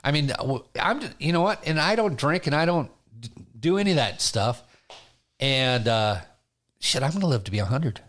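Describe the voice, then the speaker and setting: Older male host in his 60s, easygoing storyteller, lively swinging pitch, mid-height voice. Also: normal speed. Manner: easygoing, self-deprecating storyteller who laughs easily. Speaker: podcast host. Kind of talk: casual conversation.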